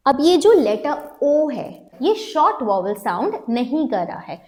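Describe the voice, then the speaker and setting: Teacher, woman, patient and deliberate, lively pitch, spells out each sound. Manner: slow, spells out sounds, repeats for learners; mixes Hindi with English terms. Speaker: phonics teacher. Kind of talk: step-by-step lesson.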